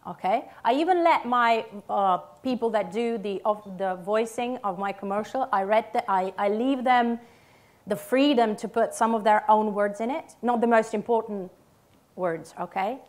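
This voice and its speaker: A woman's voice: on the high side, normal speed. A woman in her thirties giving a conference talk, emphatic, with short punchy statements and check-in questions. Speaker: conference speaker, radio ad writer. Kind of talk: conference presentation. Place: theatre stage.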